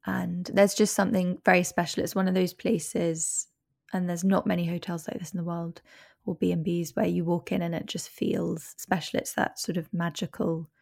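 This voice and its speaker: Woman, travel journalist, from devon, enthusiastic, wry, gravelly low voice. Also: little pitch movement, moderate pace, a little mellow, no room sound, clean studio sound. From Devon, England. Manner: chatty, enthusiastic, with wry asides. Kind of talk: casual podcast chat.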